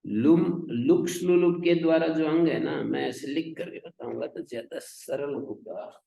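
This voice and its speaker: Slow gravelly male Sanskrit teacher. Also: a little high, mellow, echoey room, poor audio. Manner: explanatory, recites Sanskrit then glosses in Hindi. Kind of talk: classroom lecture explaining sutras.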